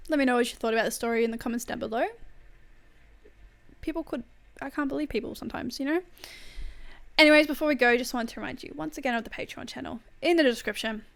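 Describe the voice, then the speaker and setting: A young woman hosting a podcast, reading online stories aloud and chatting about them casually, with lots of fillers and laughter. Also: on the high side. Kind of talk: casual story reading and commentary.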